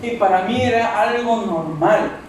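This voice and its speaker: Man preaching with a loud Monterrey accent. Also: high-pitched, a little slow, heavy reverb, distant mic, slight background noise, rough recording. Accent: northern Mexican (Monterrey). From Monterrey, Mexico. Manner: loud, forceful delivery. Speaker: pastor. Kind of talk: sermon. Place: church hall.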